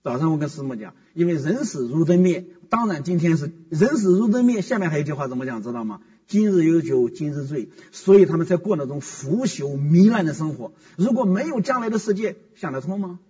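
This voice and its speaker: A man's voice: on the high side, expressive, fairly quick, few pauses, warm tone, breathy edge. A man preaching a sermon as pastor, emphatic and fond of rhetorical questions. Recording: muffled, echoey hall from far off.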